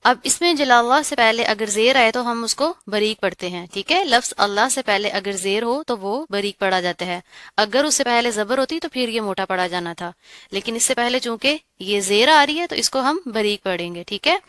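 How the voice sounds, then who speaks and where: Bright, clear-voiced woman teaching tajweed. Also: on the high side, expressive, no echo. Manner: explains slowly, checks in with the learner often; recites verses slowly and melodically. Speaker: Quran recitation teacher. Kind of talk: tajweed lesson.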